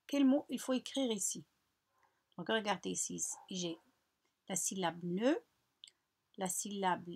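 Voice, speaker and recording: A woman teacher slowly guiding children through a French workbook lesson, repeating words and spelling out syllables patiently. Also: mid-range voice, a bit bright, slightly rough. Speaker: primary school teacher. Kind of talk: recorded lesson walkthrough.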